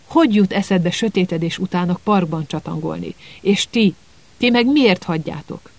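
Hagrid, a booming gruff gamekeeper, as a male narrator puts him on. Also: a little mellow. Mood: gruff scolding. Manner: booming, scolding.

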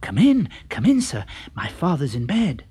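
A man voicing a young woman in a storybook, speaking high and lightly. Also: wildly swooping pitch, normal speed, dark tone, breathy edge, full character voice. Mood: eager. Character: young woman, giggly and sweet.

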